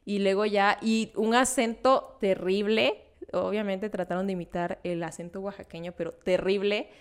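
A woman's voice: medium pitch, normal speed, clean tone. A young Mexican woman co-hosting a casual nostalgic chat, telling stories with slang and frequent laughs. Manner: animated, laughing, slangy storytelling. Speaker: podcast co-host.

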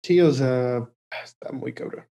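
Mexican young male co-host, warm low-key voice, easygoing slang with fillers. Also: measured pace. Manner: relaxed, slangy, hesitant fillers. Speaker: podcast co-host. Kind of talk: casual chat.

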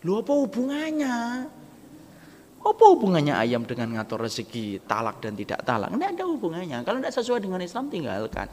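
A man's voice: a little high, fast talker, few pauses. A man preaching a humorous sermon, acting out little dialogues as he jokes with the crowd. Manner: lively, joking, acts out quoted dialogue. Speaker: Islamic preacher. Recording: gravelly voice with long hall reverb, faint background noise.

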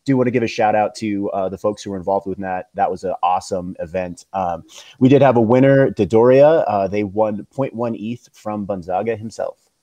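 A man's voice: on the low side, moderate pace, mellow, no echo. A man co-hosting a podcast, reading community news headlines in a casual, upbeat way. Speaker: podcast co-host.

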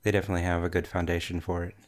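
Low, even-toned man with broad Kiwi accent. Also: very fast. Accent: New Zealand. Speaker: podcast panelist. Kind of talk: casual tech discussion.

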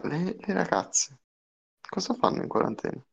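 A man's voice: high voice, big pitch swings, normal speed, creaky, breathy edge. A young man with a Neapolitan accent, chatting casually as a podcast co-host on a headset. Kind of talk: casual chat. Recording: dull lo-fi online call audio.

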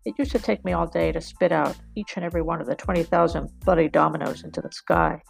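A woman's voice: lowish voice, steady tone, quick pace, gravelly, soft background music. A woman playing a bitter, wounded, club-footed man in a stage reading, pouring out a feverish, ranting monologue full of violent images.

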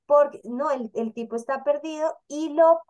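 A woman co-hosting a casual panel talk, explaining emotions in an animated way and acting out the people she quotes. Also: sits high, moderate pace. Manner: animated, acts out quoted voices. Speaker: co-host.

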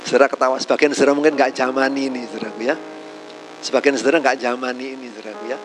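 A man's voice: mid-range voice, steady tone, racing, noisy background. A man preaching a casual, joking sermon to a congregation, tagging nearly every phrase with a call to his listeners. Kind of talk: conversational sermon.

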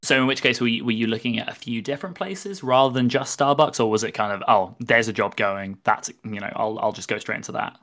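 A man hosting an interview, asking questions quickly with frequent restarts. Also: mid-range voice, a bit bright. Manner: fast, stumbling restarts. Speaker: podcast host. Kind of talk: casual interview.

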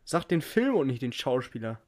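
A man's voice: medium pitch, very animated, moderate pace, a little mellow. A man hosting a casual guessing game with friends, teasing and joking as he talks. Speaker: quiz host.

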